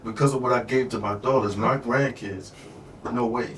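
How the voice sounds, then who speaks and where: A man's voice: medium pitch, fairly even intonation, normal speed, fairly bright tone, slight background noise. Older grandfather, firm and old-school. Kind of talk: casual chat. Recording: echoey room, mic at a distance.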